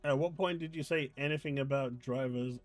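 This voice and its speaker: A man's voice: mid-range voice, fairly quick, no echo, faint music behind. A man with an English accent hosting a casual live stream from his desk at home, reading chat and ranting in disbelief. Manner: exasperated, ranting, incredulous.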